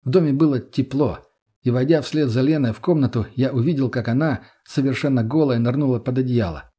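A man narrating a first-person audiobook in a steady, matter-of-fact way. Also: mid-range voice, fairly quick, slightly rough.

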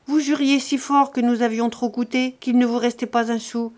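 Woman reader as a mocking peasant son: loud, sneering, scornful. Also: a little high, lively intonation, moderate pace, natural voice. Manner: sneering and taunting.

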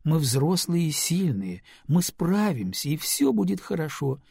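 A husky-voiced man voicing a worried young mother who pleads gently with her daughter, read for an audiobook. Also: fairly high pitch, very animated, a little slow, no echo, studio quality, voice pushed up, full character voice. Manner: pleading, tender.

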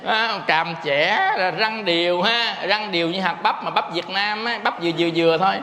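A Buddhist monk delivers a sermon in a fairly high voice. He talks in a homely, joking way, often turning to address his listeners directly. The sound rings with the long reverb of a large hall. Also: moderate pace, pushed and bright. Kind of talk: dharma talk sermon.

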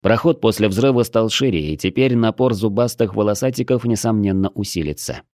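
A man reading a first-person adventure audiobook in a measured, steady storytelling manner. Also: lowish voice, dry recording, clean studio sound. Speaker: audiobook narrator.

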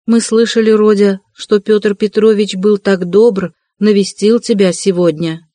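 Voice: mid-range voice, fairly even intonation, unhurried, a little mellow, dry recording, close to an everyday voice. A fretful elderly mother in a dry, close audiobook reading, put on by the narrator. She pleads and worries in a lifted, trembling tone. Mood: anxious pleading. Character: elderly anxious mother, timid and tearful.

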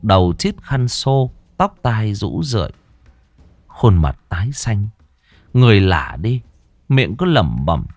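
Low, dramatic male ghost-story narrator. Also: sing-song, slow, a little mellow, no room sound, soft background music.

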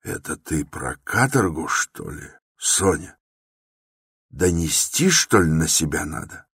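A man's voice: rumbling low, big pitch swings, takes it slowly, vocal fry, fairly bright tone, husky, dry recording, studio quality, full character voice. A man voicing a tormented young man who speaks in an intense, brooding, confessional way, within a dramatic novel reading. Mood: gloomy.

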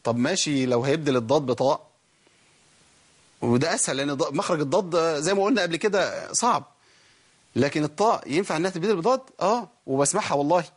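A man's voice: a little high, fast talker, breathy edge. A man with an Egyptian Arabic accent teaching Quran recitation, explaining each rule and asking and answering his own questions. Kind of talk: tajweed lesson.

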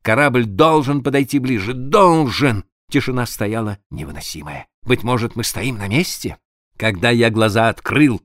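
Male narrator, storybook reading, lively rising and falling pitch, dramatic hushes, dry close sound. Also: no room sound. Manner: expressive, dramatic reading with sudden hushed drops. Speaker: audiobook narrator. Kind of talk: literary audiobook narration.

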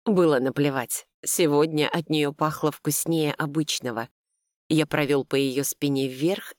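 A woman narrating a first-person romantic comedy audiobook with a lively, expressive reading. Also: deep voice, dry recording, clean studio sound.

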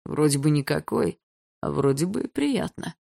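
A woman reading an audiobook, voicing a cocky, possessive teenage boy who speaks slowly and mockingly. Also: very animated, gravelly, warm tone, heavily acted. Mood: teasing. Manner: slow, low and mocking.

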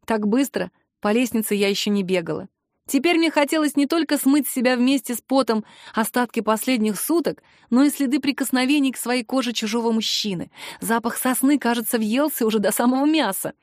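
Woman reading a novel audiobook, higher voice, expressive, super dry close mic. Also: a little fast, no room sound. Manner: expressive, lively reading with heroine's lines acted. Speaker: audiobook narrator. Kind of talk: first-person audiobook narration.

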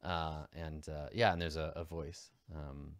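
A man's voice: extremely low pitch, level tone, unhurried, smooth, no echo. A man narrating as game master of a tabletop role-playing game, rambling with many fillers and restarts.

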